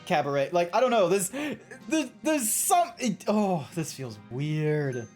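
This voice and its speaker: Game streamer, casual commentary, mid-pitched voice, halting, flustered, exclamatory, music in background. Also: very animated, a little mellow. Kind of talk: casual video game livestream commentary, reading game text aloud.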